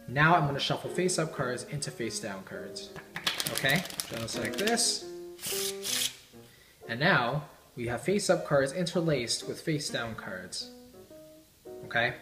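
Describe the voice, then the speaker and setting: A man giving informal card magician patter, teaching tricks step by step as he demonstrates them, talking to the viewer like a spectator. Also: medium pitch. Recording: roomy echo, guitar music behind. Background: plucked guitar music.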